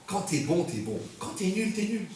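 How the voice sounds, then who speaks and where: A man's voice: high-pitched, sing-song, moderate pace, darkish tone, recorded from a distance. A male rabbi giving a humorous sermon to a congregation, joking and firing rhetorical questions at his listeners. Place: community center hall. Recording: echoey hall recorded from afar, faint noise.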